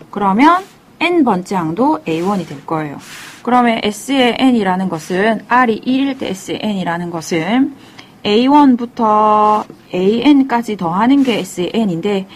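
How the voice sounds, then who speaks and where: A woman math teacher giving a step-by-step lecture, calling herself "teacher" and asking and answering her own questions. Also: a little high.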